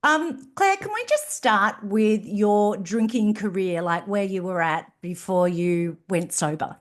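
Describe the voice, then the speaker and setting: A woman speaks as the host of an interview podcast. Her pitch is average for a woman. Her delivery is that of a presenter addressing a guest. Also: lively intonation, a little slow. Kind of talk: interview hosting with scripted introduction.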